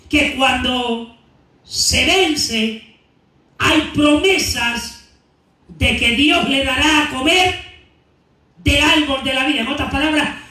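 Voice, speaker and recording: A man preaching a Bible teaching to his congregation, asking them questions and answering them himself, and reading scripture slowly and deliberately. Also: very high voice, bright, forceful tone. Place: church sanctuary. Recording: echoey church hall, mic at a distance.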